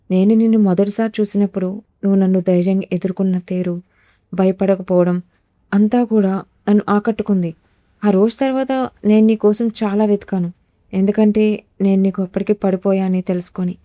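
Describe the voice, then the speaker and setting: A woman voicing a young hot-tempered gangster husband in a storybook reading, forceful and demanding. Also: medium pitch, dry recording, lightly acted.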